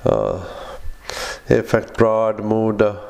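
A man dictating clinical notes in halting, clipped phrases, speaking punctuation and formatting commands aloud as a clinician. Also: fairly low pitch, flat delivery, vocal fry, a little mellow, lo-fi sound.

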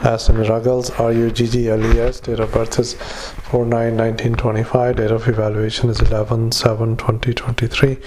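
A man dictating a psychiatric note into a dictaphone in an utterly flat, unvarying voice. He stops often on fillers and reads out each period and paragraph break, with a faint hiss behind him. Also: medium pitch. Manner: halting, many "uh" fillers, speaks punctuation aloud. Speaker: psychiatric clinician.

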